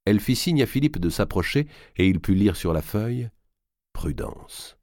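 Deep, lively man reading a novel. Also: brisk, no echo, studio quality. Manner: expressive storyteller, varied delivery. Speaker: audiobook narrator. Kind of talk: scripted narration of a historical novel.

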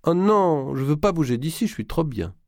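Man reading as a pampered young princess, high cooing voice, storybook role. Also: fast talker, a little mellow, breathy edge, no room sound, clean studio sound, close to an everyday voice. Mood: coy.

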